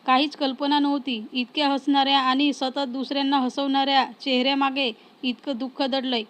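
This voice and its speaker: A woman reading the lines of a caring, tearful young woman in a storybook romance, softly and evenly. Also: high voice, flat delivery, a little fast.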